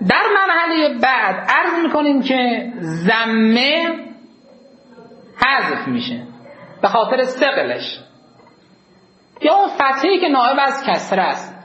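A man's voice: extremely high pitch, very animated, pauses often, bright, forceful tone. A man teaching a grammar lesson to a class. He asks the students questions, answers them himself, and draws out the key words. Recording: roomy, dull lo-fi classroom recording.

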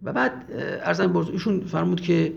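Male religious lecturer, emphatic, heavy vocal fry, slightly high voice, dull lo-fi recording. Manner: emphatic, retells scenes with acted quotes.

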